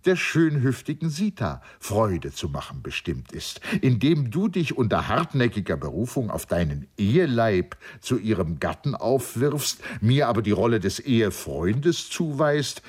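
A man's voice: fairly low pitch, a little mellow, husky, exaggerated voice. A man reading as an indignant young husband. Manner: reproachful, pleading.

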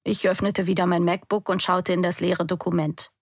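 A woman's voice: fairly low pitch, level tone, moderate pace, no echo, clean studio sound. A young adult woman giving an intense, emotional first-person audiobook narration.

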